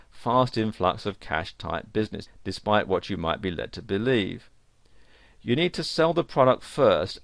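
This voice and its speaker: A man reading a scripted instructional narration for an online course, with a lively, emphatic delivery. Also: fairly low pitch, no echo.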